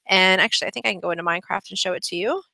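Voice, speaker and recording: A kids' coding club instructor talks her way through a screen-recorded tutorial, upbeat and full of ums. Her fairly low voice is rapid-fire, creaky and sharp in tone, captured in a low-quality recording with no echo.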